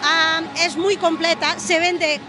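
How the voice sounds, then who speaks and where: A woman's voice: extremely high pitch, flat delivery, slow pace, noisy background. A young woman with a Portuguese accent, a brand representative speaking in hesitant Spanish with many filler sounds at a fitness trade fair, into a handheld reporter mic. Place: large exhibition hall at a fitness fair. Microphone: handheld reporter mic held to her. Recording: loud music and crowd in hall.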